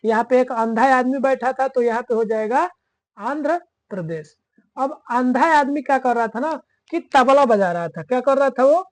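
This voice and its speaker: A woman's voice: high-pitched, lively intonation, moderate pace, no room sound. A woman teaching map mnemonics, who keeps asking the class questions and answering them herself. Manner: drills answers by repeating them.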